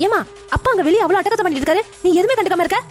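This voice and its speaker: A woman's voice: extremely high pitch, rapid-fire, soft background music. A woman voicing a fed-up, complaining young adult daughter in a cartoon family drama. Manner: complaining, exasperated.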